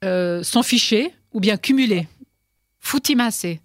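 A woman's voice: medium pitch, a little slow, no echo. A woman hosting a radio quiz from a studio, teasing her guests and laughing often between questions.

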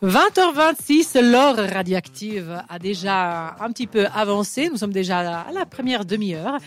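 Chatty radio host. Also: female voice, mid-range voice, lively intonation. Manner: chatty, quick reactions. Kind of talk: radio show hosting. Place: radio studio.

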